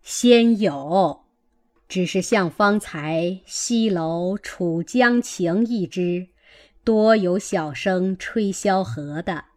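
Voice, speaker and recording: Slow easygoing old granny boss of the house, a woman reading her lines, storybook reading. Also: lowish voice. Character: elderly genial matriarch grandmother, commanding.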